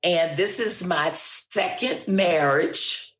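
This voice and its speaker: A woman in her sixties, a retired math teacher, chatting as a guest in a relaxed, thoughtful way with many pauses. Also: fairly low pitch, echoey room. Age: 60s. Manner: slow, thoughtful, with fillers. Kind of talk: casual interview chat.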